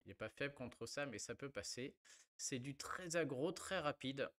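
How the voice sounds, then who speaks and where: A man's voice: mid-range voice, lively intonation, moderate pace, fairly bright tone. Chatty French-speaking card game vlogger, man. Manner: chatty, many fillers. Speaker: card game content creator. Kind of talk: casual gameplay commentary.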